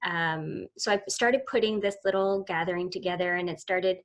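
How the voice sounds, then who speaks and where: Speaking at a moderate pace in a lowish voice, this Eastern Canadian woman in her 40s is a summit founder appearing as an interview guest. She recounts her story casually and meanderingly, restarting often and peppering it with "so."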